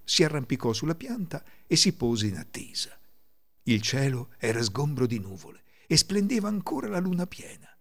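An Italian storyteller reading a folk tale with theatrical flair. His mid-pitched voice moves lively up and down, with a gravelly rasp. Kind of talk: scripted folk tale narration.

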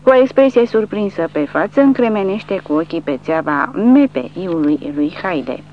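A woman's voice: lowish voice, animated. A woman narrating a war novel as an audiobook, reading with dramatic emphasis. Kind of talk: scripted narration. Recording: dull lo-fi recording with faint hum.

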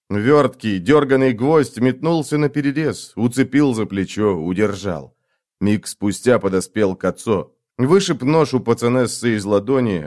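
A man narrating a dramatic audiobook in an expressive, first-person storytelling manner. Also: medium pitch.

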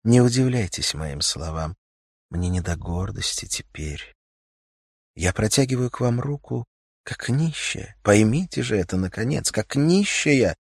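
Мужчина читает вслух и озвучивает молодую светскую женщину, которая горячо и с мольбой просит о сочувствии. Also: male voice, expressive, unhurried, creaky, husky, no room sound, clean studio sound, exaggerated voice. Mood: pleading. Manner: raised pitch, emotional pleading. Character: pleading young society woman.

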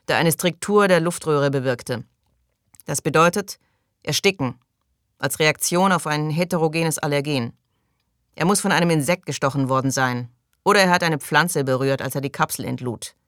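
A man reading an audiobook, voicing an irritable, pompous male colony doctor who speaks loudly and defensively. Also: fairly high pitch, clear, resonant tone, dry recording, studio quality, lightly acted. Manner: indignant, loud, defensive.

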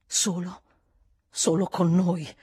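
Audiobook role: a woman voicing a timid older housekeeper, husky, halting and stunned, recorded dry. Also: lowish voice, level tone, darkish tone, dry recording, exaggerated voice. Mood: grave. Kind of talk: audiobook reading.

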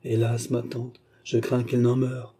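A man's voice: mid-range voice, monotone, unhurried, warm tone, husky. A man reading a sorrowful mother. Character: anxious, sorrowful middle-aged mother.

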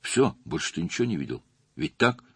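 A man reading an audiobook, voicing a calm, patient male police detective who questions in a measured way. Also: sits low, slightly rough, no echo, heavily acted. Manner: measured and probing.

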